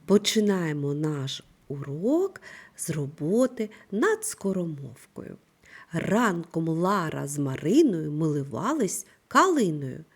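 A woman teaching a primary school reading lesson, speaking slowly and clearly in an instructive manner. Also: sits low. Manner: slow, clear, instructive delivery with lively intonation. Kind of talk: scripted online reading lesson.

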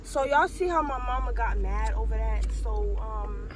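Young female prank vlogger, high and animated, teasing, noisy car audio. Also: normal speed. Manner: teasing, playful, provoking. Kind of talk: prank vlog. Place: inside a parked car.

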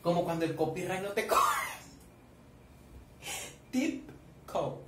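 A young man with a Colombian accent giving casual reaction commentary at home, animated and gossipy, playfully addressing his viewers. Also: sits high, fairly quick. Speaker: reaction vlogger. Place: at home with family nearby. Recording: echoey room, distant mic, faint noise.

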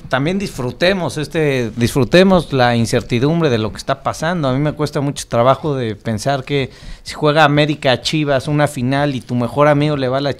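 A Mexican panel guest whose voice sits a bit above the usual male pitch. He talks with animated emphasis in a radio studio. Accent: Mexican Spanish. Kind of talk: casual panel discussion.

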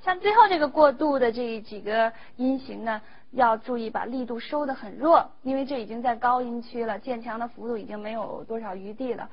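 A woman music teacher giving a measured, explanatory instrumental lesson. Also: a little high. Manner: measured, explanatory, demonstrates between phrases. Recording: dull lo-fi recording with faint instrument music.

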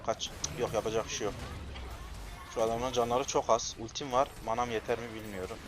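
A young man commentating his own gameplay, excitable and quick to frustration, shouting at his teammates. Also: medium pitch. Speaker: gamer streaming gameplay. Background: game music.

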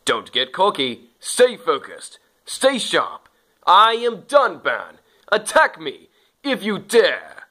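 Man doing a bold swordsman, forceful impression voice. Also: sits high, huge pitch swings, takes it slowly, pitched above the performer's own voice, heavily acted. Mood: defiant. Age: young adult. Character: bold, stern heroic swordsman, confident mentor.

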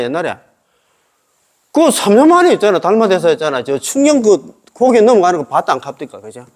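A Buddhist monk gives a casual dharma lecture in a darkish voice on the high side. He is chatty, chuckles often and checks in with listeners using tag questions.

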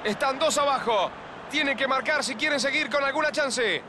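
A man playing an excitable video game football commentator, calling goals with drawn-out shouts and rapid repeats over stadium noise. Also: extremely high pitch. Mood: excited. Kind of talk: excited goal commentary of a penalty shootout. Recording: clear stadium noise behind.

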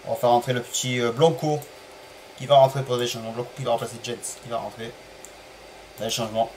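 A man streaming a football management game live, chatting to viewers, apologizing for stream bugs and calling plays with bursts of excitement. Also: mid-range voice, quick pace, a little hiss or hum, low-quality recording. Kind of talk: live gameplay commentary.

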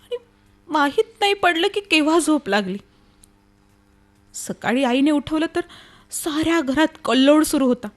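An anguished young woman in an old-fashioned radio play. Her voice is high and emotional. She speaks in halting, dramatic phrases, weighed down by grief for her sister. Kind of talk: radio play acting, old radio show manner.

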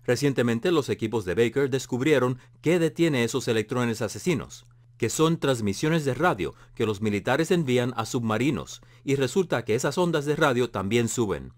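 A male news reporter delivers a steady, measured voice-over for a science story, with a voice of ordinary pitch. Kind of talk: scripted news narration.

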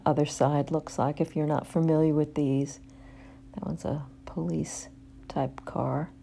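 A woman chatting casually through a store as she films with her phone, pausing often with ums and uhs. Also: low-pitched, vocal fry, mellow. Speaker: shopping vlogger. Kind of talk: casual shop-with-me narration. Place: store aisle, handheld phone camera.

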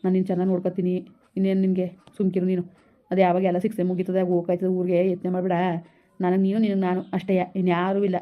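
A woman playing a soothing young village husband, rapid-fire. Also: fairly low pitch, monotone, narrow, tinny audio, natural voice. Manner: soothing, repetitive coaxing. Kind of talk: village skit acting.

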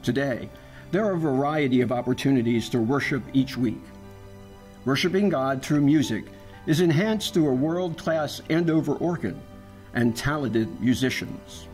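A man giving calm, measured scripted narration for a church history documentary. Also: medium pitch, faint music behind.

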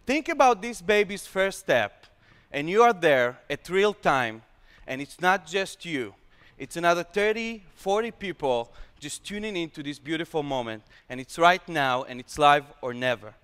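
A young adult Israeli founder delivers a startup pitch on stage at a normal speed, his slightly broken English paired with animated gestures. The smooth, resonant, somewhat high voice rings with the long reverb of a big hall.

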